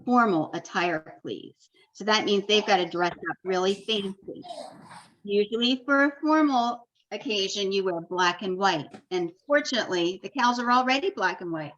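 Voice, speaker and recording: A woman teacher reading a picture book aloud to young children, with expressive storytelling and friendly asides. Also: mid-range voice, normal speed, muffled recording.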